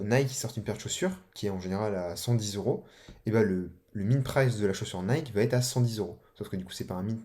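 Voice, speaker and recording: A young man explains things in a loose, slangy way, full of fillers and restarts. His voice sits fairly low and sounds dark and mellow. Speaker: online course instructor. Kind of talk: casual explanatory tutorial.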